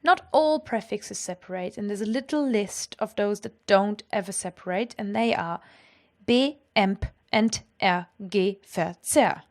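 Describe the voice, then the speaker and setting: A woman teaching a language lesson, explaining clearly and with enthusiasm and carefully pronouncing German example sentences. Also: medium pitch, measured pace.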